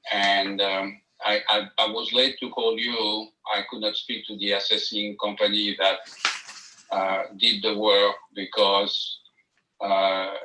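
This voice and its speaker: A man's voice: lowish voice, bright, forceful tone. Man on speakerphone held away, echoey and hesitant. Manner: hesitant, many fillers and restarts. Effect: phone on speaker, held away from the mic. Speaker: property owner presenting a grievance. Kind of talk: halting hearing testimony. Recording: echoey, distant speakerphone audio.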